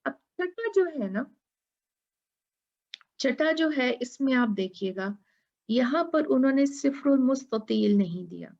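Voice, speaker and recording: A woman teaching a tajweed lesson who explains patiently, asks her students questions and chants Quran verses in a drawn-out style. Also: high voice, lively intonation, vocal fry, dull audio.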